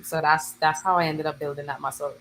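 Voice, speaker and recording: A Bahamian woman in her thirties, a guest musician, chatting in an interview and telling her stories in lively local slang. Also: low-pitched, a little fast, a little hiss or hum, rough recording. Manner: animated storytelling, lively dialect slang. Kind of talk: casual interview chat.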